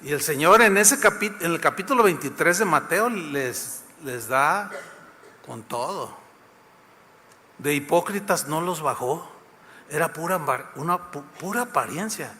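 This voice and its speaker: A man's voice: a little high, animated, unhurried, bright, forceful tone, big-room sound, slight background noise. A man with a Mexican accent preaching a sermon, retelling scenes vividly and addressing the congregation. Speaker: pastor.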